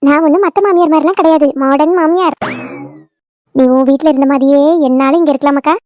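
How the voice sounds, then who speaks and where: A woman's voice: high-pitched, steady tone, quick pace, a little mellow, lightly acted. A woman voicing a fussy, talkative middle-aged mother-in-law in a cartoon, with a coaxing, boastful manner. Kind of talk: cartoon voice acting.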